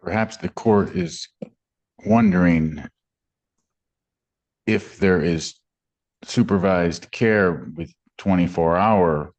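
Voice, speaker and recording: A man acting as defense attorney at a court hearing, asking gentle leading questions. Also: low voice, takes it slowly, pauses often, highs cut off.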